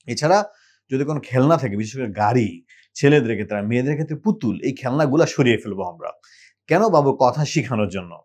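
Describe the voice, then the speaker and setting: Middle-aged male doctor from Bangladesh, earnest advice to parents, repeats words slowly and clearly. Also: darkish tone. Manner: earnest, repeats example words slowly and drawn out, rising in pitch. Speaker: pediatrician giving parenting advice. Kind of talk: direct-to-camera health advice talk.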